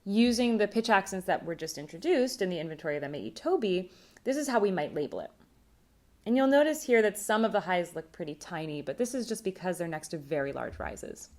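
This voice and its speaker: Measured woman giving a linguistics talk. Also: on the low side, lively intonation, darkish tone. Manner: clear, measured, explanatory. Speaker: linguistics conference presenter. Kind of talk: recorded academic talk.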